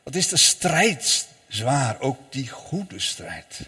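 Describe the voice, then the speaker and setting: A male pastor delivers a solemn sermon with dramatic swells and drops in his voice. He speaks slowly, and his voice carries a slight huskiness. The sound rings with the long reverb of a large church hall. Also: mid-range voice, sing-song, pushed and bright, slightly rough. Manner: slow, solemn preaching with dramatic rises and falls.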